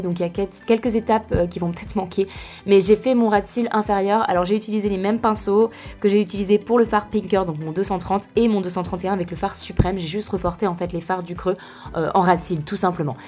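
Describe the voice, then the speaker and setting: A woman's voice: mid-range voice, steady tone, fast, darkish tone, faint music behind. A young woman talks through a makeup tutorial in a casual, chatty way, with many fillers and self-corrections. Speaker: beauty vlogger.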